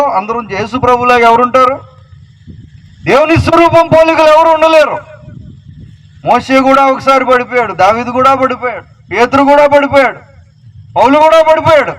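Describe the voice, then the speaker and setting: A man's voice: extremely high pitch, fairly bright tone, low-quality recording. A male pastor preaching a sermon, repeating rhetorical questions and citing scripture references. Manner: quotes scripture references aloud.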